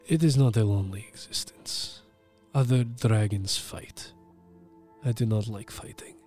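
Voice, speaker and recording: A man voicing a calm, stoic, benevolent ancient male dragon in a deepened voice with a put-on Russian-like accent, speaking slowly and in measured tones. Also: soft background music, lightly acted. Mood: calm, peaceful. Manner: slow, calm, measured pronouncements.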